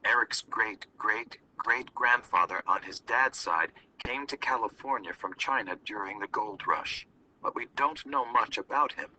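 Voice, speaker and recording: A man reading aloud in a classroom story lesson, voicing a calm, caring mother who explains things. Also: on the low side, measured pace, distant mic, slight background noise, rough recording.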